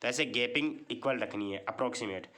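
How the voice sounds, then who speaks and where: Sharp in tone and fairly quick, a man with a mid-range voice takes the class through a maths lesson one step at a time. He keeps checking with his listeners, often saying "theek hai", and raises questions only to answer them himself.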